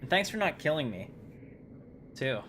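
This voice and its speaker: With a voice on the high side and a moderate pace, a game livestreamer comments on his play and chats casually with his viewers. His voice is accompanied by constant background noise.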